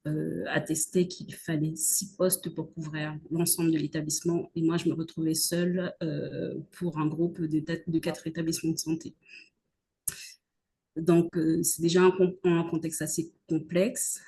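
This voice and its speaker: A woman from French Guiana giving a measured, hesitant personal testimony over a video call. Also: deep voice, flat delivery, mellow, breathy edge. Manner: measured, hesitant, many pauses. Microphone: video call microphone.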